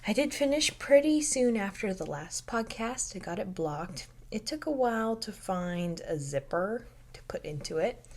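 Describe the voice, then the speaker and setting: A young woman hosting a casual knitting podcast from home, speaking softly and often dropping to a near-whisper. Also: mid-range voice, expressive, normal speed. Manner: soft-spoken, drifting into near-whispers.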